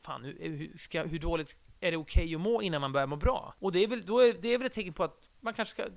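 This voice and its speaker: A man's voice: a little high, creaky, a bit bright. A middle-aged man chatting casually on a podcast, rambling and self-deprecating, with casual swearing. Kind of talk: casual conversation.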